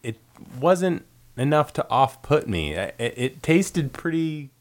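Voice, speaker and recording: A man who is a guest on a podcast, talking in casual chat in a hesitant, halting way. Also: fairly high pitch, very animated.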